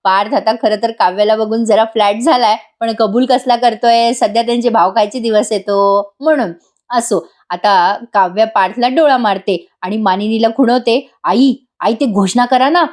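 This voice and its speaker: A woman recapping a TV serial episode in a voice-over review, chatty and excited, laughing often. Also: fairly high pitch, moderate pace.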